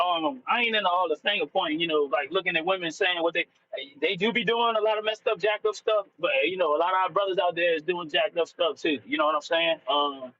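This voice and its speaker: A man calling in on a video call over a poor connection, talking in a halting, casual way with many fillers and restarts. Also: high-pitched, sharp tone, a little hiss or hum. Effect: on a video call with a bad signal. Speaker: caller on a live discussion. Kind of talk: casual chat. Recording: dull lo-fi call audio.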